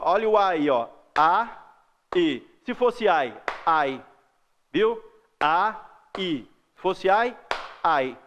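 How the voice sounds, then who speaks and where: A man with a Brazilian accent teaching a recorded grammar lesson to schoolchildren, patiently stretching out example words. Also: sits high. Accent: Brazilian Portuguese. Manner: patient, drawn-out example words, frequent "ó" and "beleza?".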